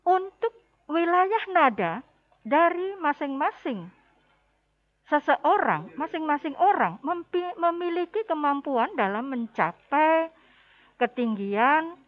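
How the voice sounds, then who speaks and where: A woman teaching a music lesson with a high, light voice. She speaks slowly and patiently and explains each point step by step to her pupils. The recording sounds dull and lo-fi.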